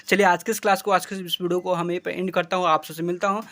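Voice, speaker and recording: A man teaching English pronunciation in an informal video lesson. He spells each word letter by letter, says it slowly, often repeats or corrects himself, and speaks to his viewers as friends. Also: sits high, little pitch movement. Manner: repetitive and self-correcting, addresses viewers warmly.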